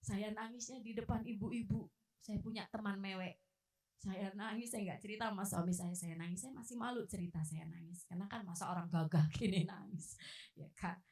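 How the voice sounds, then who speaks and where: A woman preacher delivering a sermon in a church, animated, acting out quoted voices and swinging between loud outbursts and hushed asides. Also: medium pitch. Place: church hall. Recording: echoey hall from far off.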